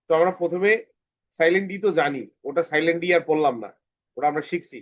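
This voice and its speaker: A man's voice: on the high side, fast, highs cut off. Patient Bengali-accented man teaching phonics. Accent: Bangladeshi Bengali. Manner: patient, repeats words for children to echo. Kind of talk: online kids' phonics lesson.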